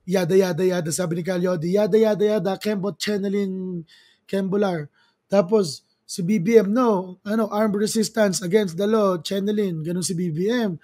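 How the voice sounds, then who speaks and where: A man's voice: sits high, a little mellow. A man from the Philippines giving chatty, dramatic commentary as a video blogger, exclaiming often and mixing in English phrases. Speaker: political commentary vlogger. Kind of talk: casual commentary.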